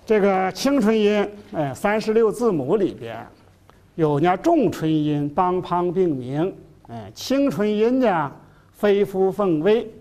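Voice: medium pitch, animated, takes it slowly, a little mellow. A middle-aged lecturer giving a classroom lecture, full of fillers, who repeats key phrases and stretches out terms for emphasis. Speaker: university lecturer.

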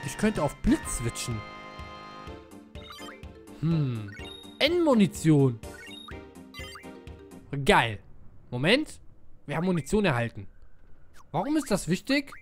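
Ein lässiger Mann kommentiert sein Spiel mit eher heller, stark auf und ab springender Stimme und wirkt dabei schnell begeistert. Im Hintergrund läuft leise Spielmusik. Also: male voice, high voice. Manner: casual, excitable. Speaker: let's player. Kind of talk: gameplay commentary. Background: game music.

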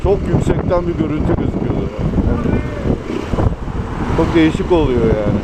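Man talking inside a motorcycle helmet, loud noise. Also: fairly high pitch, expressive, quick pace. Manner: rambling, thinking aloud. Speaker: motovlogger. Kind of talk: casual chat while riding a motorcycle. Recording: loud engine and wind noise. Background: motorcycle engine, traffic and wind.

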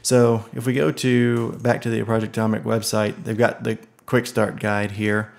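In this casual screen recording, a software tutorial presenter clicks through a setup, his low voice heavy with gravelly fry. He takes his time, staying relaxed, thinking out loud, and sprinkling in plenty of ums and uhs.

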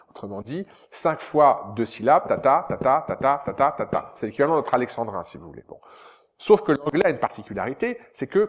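A man, a stage director and translator, giving a public lecture in a lively, expressive way. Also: medium pitch. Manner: animated, expressive speaker who sometimes sounds out rhythms. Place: lecture hall.

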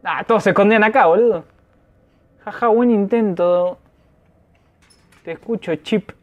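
A man's voice: high-pitched, a little slow, phone-quality sound. A man with a Rioplatense Argentine accent giving casual let's play commentary, slangy and swearing, yelping when scared. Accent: Rioplatense Argentine Spanish. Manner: slangy, swears, yelps in panic. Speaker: gamer.

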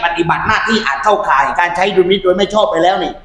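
A man speaking as a civic activist, forceful and rhetorical. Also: sits high, rapid-fire, reverberant. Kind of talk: impassioned civic talk.

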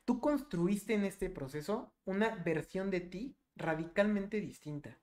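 A young man with a Mexican Spanish accent co-hosts a casual podcast, telling a story with lively animation and plenty of swearing. His voice is high-pitched and his pace a little slow.

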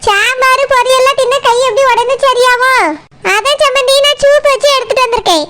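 A woman voicing a squeaky, pleading village mother. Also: brisk. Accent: Tirunelveli Tamil. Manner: placating, soft-pleading. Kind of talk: cartoon dialogue.

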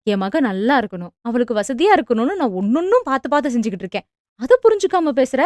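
A woman voicing an anxious, talkative middle-aged mother who scolds quickly and defends herself. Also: a little high, very animated, darkish tone, dry recording, studio quality. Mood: defensive scolding. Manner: fast, fretful, scolding.

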